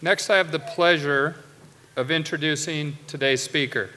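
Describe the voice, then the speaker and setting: A man's voice: fairly high pitch, bright, forceful tone. A middle-aged man formally introducing a speaker at a ceremony, reading from notes. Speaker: school administrator introducing the speaker. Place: large auditorium stage. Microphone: podium microphones. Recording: long hall reverb.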